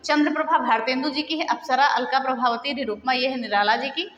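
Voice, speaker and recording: In an exam-prep lesson, a woman teacher runs quickly through a list, pausing at points to put quiz questions to viewers. She speaks high and fairly bright in a steady tone, while the audio has its highs cut off and a long, echoey room reverb.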